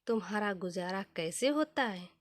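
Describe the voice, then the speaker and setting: A woman voicing a calm, wise male guru in a motivational story, with plain, measured delivery. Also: medium pitch, no room sound, natural voice. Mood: calm questioning.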